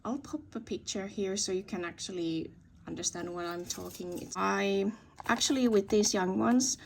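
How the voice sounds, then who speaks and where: A woman's voice: medium pitch, moderate pace, gravelly, a little hiss or hum. A woman giving a casual tour of her indoor plants, thinking aloud and often correcting herself. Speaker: hobby plant grower showing her collection. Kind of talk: casual show-and-tell video tour. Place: indoor plant growing space.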